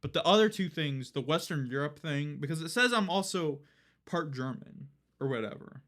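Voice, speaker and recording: Rambling young male streamer, lively pitch. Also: normal speed. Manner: rambling, filler-heavy, swears casually. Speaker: livestreamer. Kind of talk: casual live-stream chat.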